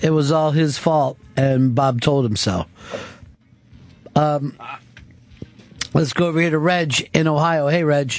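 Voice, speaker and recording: A man runs a radio call-in show from the studio, his voice sitting a little high. He banters with callers in a quick, crude, joking way. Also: steady tone. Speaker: radio show host taking calls. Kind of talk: casual radio call-in chat.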